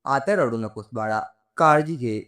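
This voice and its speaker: A man voicing a gentle, consoling old mother. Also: medium pitch, a little slow, natural voice. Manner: soothing, affectionate.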